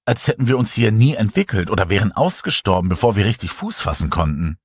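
Brief: a man reading an earnest woman scientist in an audiobook horror story, calm and explanatory, low husky tone. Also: fast, dry recording, studio quality, heavily acted. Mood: earnest, puzzled. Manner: thoughtful, explaining calmly.

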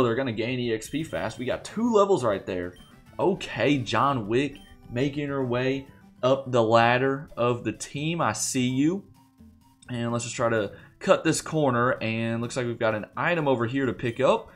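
A young man hosting a gaming channel, chatting loosely through a let's play in a groggy morning voice, rambling with lots of fillers and restarts. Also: medium pitch. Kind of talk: casual let's play commentary. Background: faint game music.

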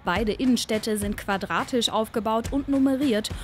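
A young woman reporter narrates a travel TV segment in a light, chatty style, her voice a little high and her pace moderate. This is scripted voice-over narration, recorded with clear background music behind it.

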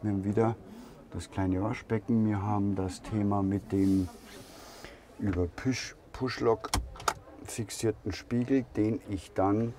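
Male vlogger, low voice, unhurried room-tour delivery, busy fair crowd behind. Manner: slow, thinking aloud with fillers and pauses. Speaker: camper van reviewer. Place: camper van at a busy trade fair hall. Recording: crowd noise of a trade fair. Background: crowd chatter of a fair.

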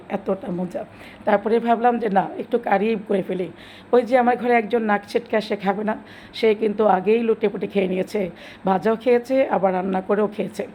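A woman, slightly hoarse from a cold, talking homely and chatty through a cooking tutorial voice-over, restarting her phrases often. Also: medium pitch, mellow, slight background noise. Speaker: cooking channel host.

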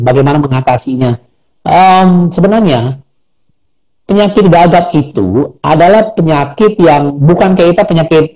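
A middle-aged man, a coach and speaker, tells animated stories in a live interview, acting out the voices of the people he quotes. His voice sits on the high side, and the audio is poor, captured over a phone or video call.

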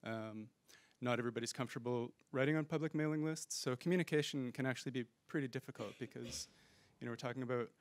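On a conference room stage, a panel organizer speaks into a handheld mic at a quick pace with hardly any pauses, and the recording is dry. His voice sits at medium pitch, and he comes across as thoughtful and hedging, with frequent fillers and restarts.

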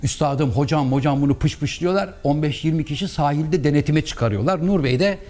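Male comic storyteller, lively, does the voices of others. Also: on the high side, fairly quick, faint music behind. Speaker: actor telling anecdotes.

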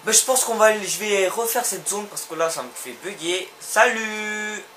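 Young man, high voice, excitable gameplay commentary, noisy recording. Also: moderate pace. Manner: excitable, talks to game characters, repeats himself. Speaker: let's play gamer.

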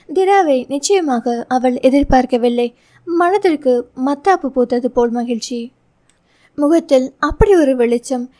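A woman narrating a romance novel as a steady, scripted storytelling reading. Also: sits high.

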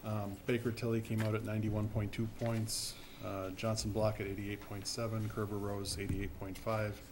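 A man reporting to a village board meeting for the finance committee, pausing often with ums and uhs. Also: lowish voice, little pitch movement, noisy background. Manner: halting, many ums and uhs.

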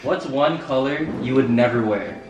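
A man quizzes a friend in a casual, prompting way, his voice at an ordinary pitch. The room rings with echo. Music plays in the background. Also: normal speed, dull audio. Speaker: question asker. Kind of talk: casual chat.

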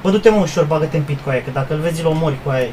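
A man streaming a team shooter game, giving orders and hurling crude insults at his teammates. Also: on the high side. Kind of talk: profane live gaming commentary. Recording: noisy stream audio with gunfire behind. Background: game gunfire.

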